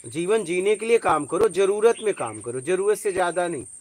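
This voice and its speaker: A man with a high-sitting, expressive voice speaks briskly as a spiritual teacher giving an informal talk. Conversational in manner, he shares personal stories and keeps checking whether his listeners follow him.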